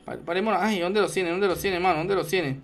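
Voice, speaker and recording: A man's voice: high voice, fairly quick, soft background music. A man streaming a video game, commenting casually and greeting viewers by name between plays. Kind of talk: casual gaming livestream commentary.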